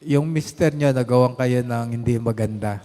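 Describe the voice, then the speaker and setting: A man's voice: mid-range voice, normal speed, warm tone. An older man preaching a sermon as pastor, mixing two languages and rising to emphatic stresses on key words. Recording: echoey hall reverb.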